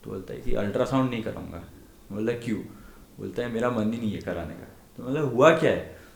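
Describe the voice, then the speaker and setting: A man's voice: fairly low pitch, fast talker, vocal fry, darkish tone, a little hiss or hum. A young man in his twenties, a podcast guest telling stories in casual chat, acting out the voices in his dialogue and laughing often. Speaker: podcast guest, medical intern. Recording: echoey room.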